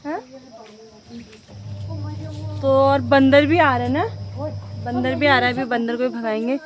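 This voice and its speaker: A young woman speaks in a high voice with fairly even intonation and a measured pace. Her casual, chatty vlog follows her around a village outdoors as she addresses viewers directly, faint animal ambience in the background.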